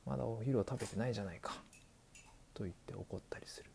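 In this scripted explainer, a man plays an old male doctor who explains things patiently, stretching out his old-fashioned sentence endings. His fairly low voice is creaky and fast, with background noise audible.

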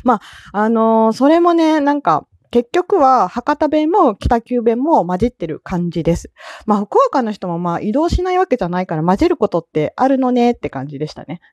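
A woman's voice: on the high side, sing-song, a little fast, darkish tone, dry recording. A woman with an Osaka Kansai accent hosting a casual solo podcast, chatty and laughing often between her words. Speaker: podcast host.

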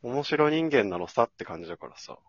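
Quick-quipping man with lively pitch. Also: highs cut off, a crowd in the background. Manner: quick joking quips, laughs often. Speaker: podcast co-host. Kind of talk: casual chat.

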